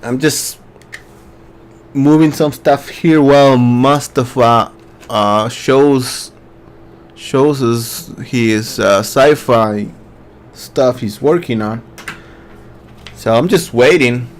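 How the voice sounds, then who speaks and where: A man's voice: mid-range voice, extremely slow, pauses often. A man hosting a casual live webinar, reading viewer questions aloud and answering them loosely with many fillers. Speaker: webinar host.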